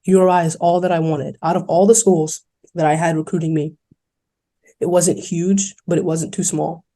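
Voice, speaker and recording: A young adult woman from New York City appears as a podcast guest, a college basketball player being interviewed. She is earnest and candid, speaking fast and fluidly in a warm, mellow, even-pitched voice, and quotes others in lively voices.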